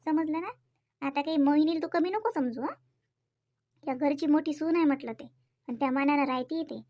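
High folksy Varhadi woman narrator. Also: normal speed, mellow. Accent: Varhadi Marathi. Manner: chatty, lecturing, folksy advice. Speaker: cartoon narrator and main character. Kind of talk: scripted comic cartoon voice-over.

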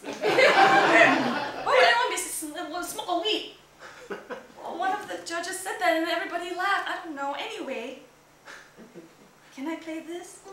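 A woman's voice: very high voice, pitched above the performer's own voice. A woman acting a young immigrant girl with a Singaporean accent who speaks hesitantly and giggles a lot, in a roomy space. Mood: playful. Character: nervous young immigrant girl, earnest and playful. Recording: roomy stage sound.

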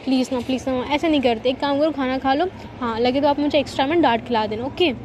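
A woman's voice: high voice, quick pace, darkish tone, slight background noise, close to an everyday voice. Woman doing coaxing playful young woman. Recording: dull lo-fi recording.

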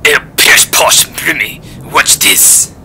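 A man's voice: mid-range voice, lively intonation, measured pace, sharp tone, slight background noise. A man playing a smarmy fake-French flirt. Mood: flirtatious.

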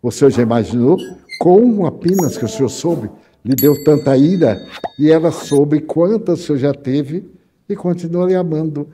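An older man with a Brazilian Portuguese accent giving an animated storytelling lecture as a spiritist speaker. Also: fairly high pitch, moderate pace. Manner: animated, acts out dialogue with lively voice shifts.

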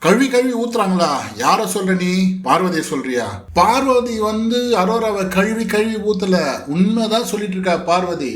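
Sarcastic high-voiced male commentator, roomy. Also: expressive, normal speed. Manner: sarcastic, mocking retorts. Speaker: reality show commentator. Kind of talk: casual commentary talking back to a clip.

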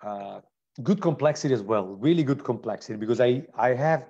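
A man's voice: mid-range voice, animated, brisk, mellow, muffled recording. A man with an Italian accent hosting a live online wine tasting, describing wines with enthusiasm and frequent restarts. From Italy.

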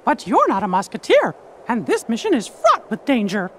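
A man voicing Mickey, a cheerful cartoon mouse king with an earnest, upbeat falsetto squeak. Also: huge pitch swings, moderate pace, slight background noise, heavily acted. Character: cheerful high-voiced cartoon mouse king, adult male. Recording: game audio with music behind.

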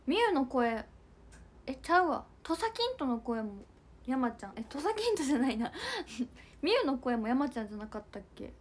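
A woman's voice: high voice, big pitch swings, normal speed. A young woman hosting a casual livestream, chatting with viewers and reading comments in a bubbly, giggly way. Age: young adult. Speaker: idol livestream host.

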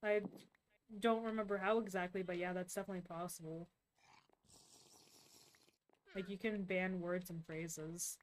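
A woman streamer in a laid-back, unhurried casual chat with friends over a voice call while gaming. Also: fairly low pitch, fairly even intonation, slight background noise.

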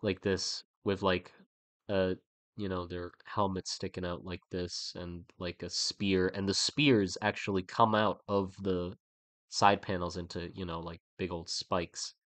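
A young man with a stuffy, slightly nasal voice that sits low and level, measured and a bit bright, thinks aloud while drawing on a livestream, rambling and restarting. He's an artist streaming a creature design session, and the recording is dry.

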